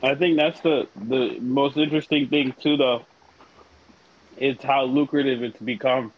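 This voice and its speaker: A man co-hosting a casual podcast chat, animated and playful. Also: mid-range voice, a little slow, highs cut off, slight background noise. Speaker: podcast co-host.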